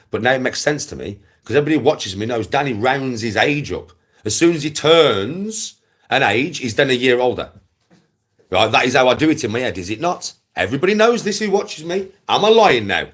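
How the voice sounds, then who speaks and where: A man in his forties with an English accent rants casually on a livestream, talking fast in a medium-pitched, sing-song, fairly bright but husky voice. He's blunt, swears plenty, and drives his points home by repeating them.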